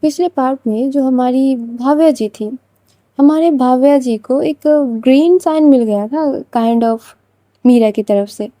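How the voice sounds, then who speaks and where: Chatty woman storyteller with a high, mellow voice. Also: unhurried, no echo. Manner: chatty, talks straight to listeners. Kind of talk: casual serialized story narration.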